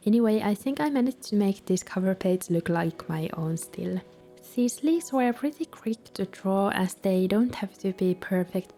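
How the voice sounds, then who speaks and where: A woman who speaks Finnish natively, with a matching accent and a medium-pitched voice, narrates a voice-over for her bullet journal video. She sounds calm, gentle, and soft-spoken.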